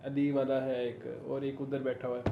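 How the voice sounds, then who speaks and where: A young man on a podcast panel, telling a long anecdote in a lively, animated storytelling way. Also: mid-range voice, moderate pace, vocal fry, narrow, tinny audio. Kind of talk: casual storytelling chat. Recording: echoey room with faint noise.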